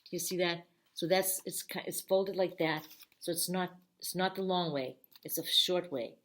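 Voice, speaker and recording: Woman, children's librarian, craft tutorial, friendly step-by-step, low voice. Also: steady tone, moderate pace.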